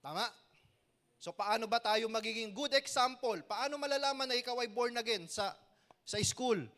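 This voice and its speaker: A man's voice: extremely high pitch, moderate pace. A young man preaching as a youth pastor, asking the crowd "Amen?" often and telling stories with joking asides. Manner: animated storytelling with joking asides. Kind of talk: youth sermon.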